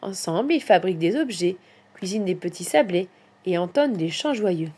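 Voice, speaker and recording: A woman narrating a children's Christmas story in an expressive storyteller's manner. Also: on the low side, brisk, slightly rough. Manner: expressive, lilting.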